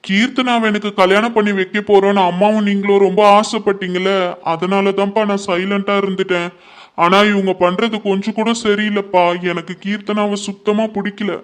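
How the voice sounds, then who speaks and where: A man's voice: high voice, level tone, fairly quick, clean tone, lightly acted. A man playing a defiant young son. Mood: earnest. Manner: confrontational, scolding. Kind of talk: family drama dialogue.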